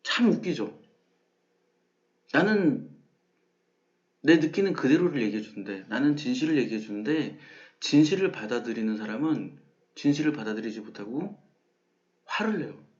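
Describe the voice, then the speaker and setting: A man's voice: mid-range voice, animated, normal speed, long pauses, lo-fi sound. A man hosting a math channel, explaining ideas in a casual lecture and acting out the questions people ask him. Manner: conversational, acts out quoted questions.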